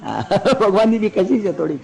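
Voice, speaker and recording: A man's voice: sits high, big pitch swings, normal speed, gravelly, a little mellow, poor audio. A man giving a scripture discourse, telling stories with humor and chanting verses. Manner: humorous storytelling, mixes in English. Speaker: religious discourse speaker.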